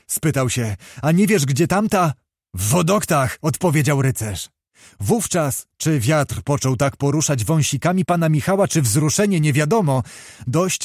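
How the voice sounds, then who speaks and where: Male audiobook narrator, slightly high voice, measured delivery, dry booth sound. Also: dry recording. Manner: steady, measured storytelling. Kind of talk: scripted narration of a classic novel.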